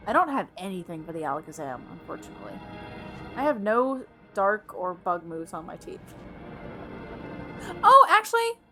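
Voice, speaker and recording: A woman's voice: on the low side, expressive, a little fast. A woman livestreaming a game, thinking aloud and musing to herself as she plays. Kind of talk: thinking aloud during gameplay. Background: game music.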